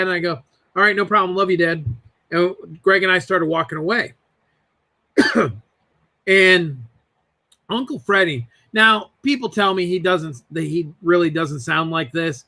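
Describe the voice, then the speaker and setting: Animated storyteller man, bright voice. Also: high voice, normal speed. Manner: animated, does voices in his stories. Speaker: podcast guest. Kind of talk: casual storytelling.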